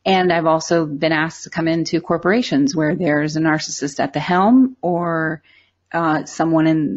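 A woman hosting a radio show, talking in a candid, informal, conversational way with her guest. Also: deep voice. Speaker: radio show host, consultant. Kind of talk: conversational interview. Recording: dull, lo-fi audio.

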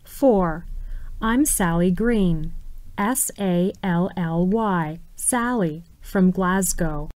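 Slow, clearly spoken woman reader. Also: fairly low pitch, a little mellow, dry recording, rough recording. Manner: clear, carefully enunciated dialogue reading. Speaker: exam recording reader. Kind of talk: scripted listening exercise.

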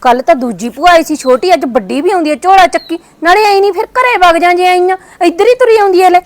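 A woman's voice: extremely high pitch, fast, no room sound. A woman with a Punjabi accent playing a niece who coaxes and placates her angry aunt. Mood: placating. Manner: coaxing, placating. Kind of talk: scripted village family skit.

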